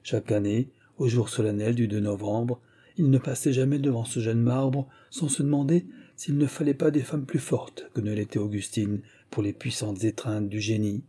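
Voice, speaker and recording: Male audiobook narrator, very dark tone, husky, measured, literary reading. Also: medium pitch, steady tone.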